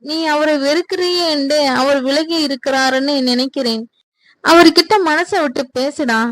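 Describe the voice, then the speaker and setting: A woman voicing a loving middle-aged mother who gently but firmly coaxes her daughter. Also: sits high, normal speed, no room sound, lightly acted. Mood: coaxing. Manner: coaxing, reassuring.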